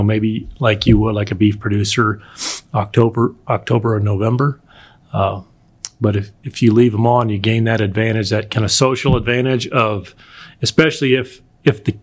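Man explaining in a measured, hesitant way. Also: lowish voice. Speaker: bison producer being interviewed. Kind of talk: explanatory interview talk.

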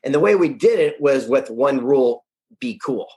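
A man speaking as an interview guest, his voice sitting in a middle pitch. He sounds upbeat and punchy, making his points in a blunt, casual way. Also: expressive, moderate pace, darkish tone. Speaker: guest, author and event founder. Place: Carlsbad, California.

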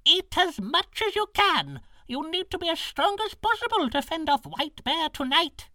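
A man's voice: extremely high pitch, sing-song, normal speed, sharp tone, dry recording, studio quality, voice pushed up, heavily acted. A man voicing a tiny, very old, wise and kindly woman in a storybook reading, giving fussy, precise directions. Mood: commanding.

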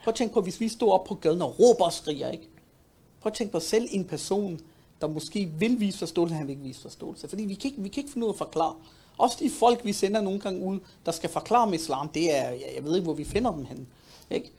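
A man speaking at a youth talk, emphatic and animated, often repeating words to drive a point home. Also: high-pitched, gravelly, slightly rough. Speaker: panel speaker.

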